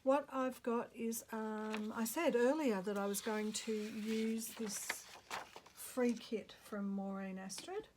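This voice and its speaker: An Australian woman talks her way through a craft session at home, slow and unhurried, thinking aloud and dropping into murmurs to herself. A clear hiss of background noise sits under her voice. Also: a little high, steady tone, darkish tone. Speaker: craft vlogger. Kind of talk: casual crafting chat.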